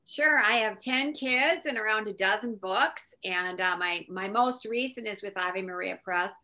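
A woman's voice: mid-range voice, a little slow, sharp tone. A middle-aged woman, speaking conversationally as a guest author introducing herself.

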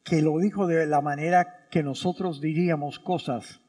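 A man's voice: on the high side, fairly even intonation, normal speed, darkish tone. A man, a priest, giving a Sunday homily in an emphatic way, with rhetorical questions and acted-out quotes. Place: church. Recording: reverberant church hall.

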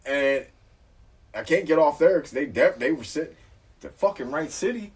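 A man telling a story in casual chat, profane and animated, acting out quotes. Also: a little high, moderate pace, slightly rough, distant mic.

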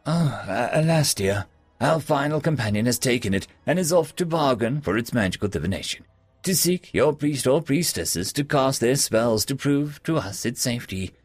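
Man voicing a roguish halfling, swooping pitch. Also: lively intonation, normal speed, husky, no room sound, faint music behind. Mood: gallant, sly. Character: roguish, charming, quick-tongued male halfling.

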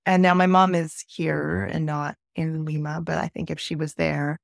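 A middle-aged Peruvian woman, a podcast guest, tells a thoughtful personal story in a reflective, conversational way, often restarting her sentences. Her voice sits low and gravelly with little pitch movement at a moderate pace, captured dry in clean studio sound.

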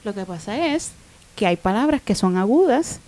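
A young adult woman, a podcast guest telling an emotional personal story in an animated way. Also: medium pitch, normal speed. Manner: animated, acts out quoted voices.

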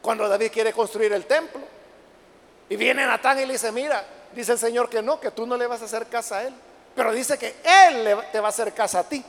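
A man preaching a Bible study sermon, who reads the verses slowly and with force, then explains them in a conversational way and calls his listeners brothers. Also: very high-pitched, a bit bright. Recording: long hall reverb.

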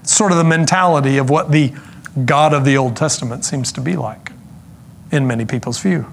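A man preaching a sermon in an earnest, explanatory way, slowing down for emphasis and dropping in casual asides. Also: medium pitch, vocal fry, slight background noise. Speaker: pastor.

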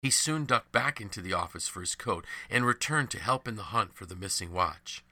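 Male devotional narrator: low, forceful, measured and earnest, dry close mic. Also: lively intonation, dry recording. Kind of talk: scripted devotional storytelling.

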